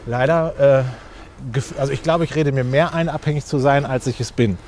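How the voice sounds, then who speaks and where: A man's voice: medium pitch, moderate pace, a little mellow, slight background noise. A man, answering interview questions outdoors with many fillers and restarts. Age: 40s. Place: outdoors on a street.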